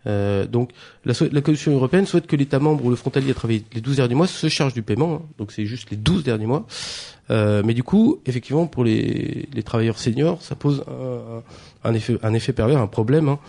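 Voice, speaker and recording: A man's voice: mid-range voice, brisk, gravelly, dark tone. A man presenting a radio press review, hesitant, with many fillers and restarts. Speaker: news columnist.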